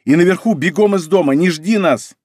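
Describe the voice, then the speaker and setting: A man's voice: sits high, fairly quick, a little mellow, no echo, clean studio sound. A man voicing a protective young man giving firm clipped commands. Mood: commanding.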